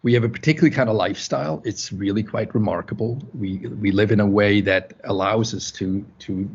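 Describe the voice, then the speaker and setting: Husky Swiss-accented man presenting. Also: on the low side, brisk. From Switzerland. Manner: conversational, many restarts, asks "right?". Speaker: conference presenter. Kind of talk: presenting a talk with slides. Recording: muffled lo-fi recording.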